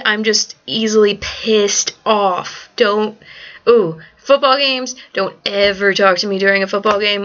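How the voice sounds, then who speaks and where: Mid-range in pitch, pushed and bright, the recording has its highs cut off. She's a young woman groggily working through a survey on a casual vlog late at night, cursing, ranting bluntly and filling every gap with "like."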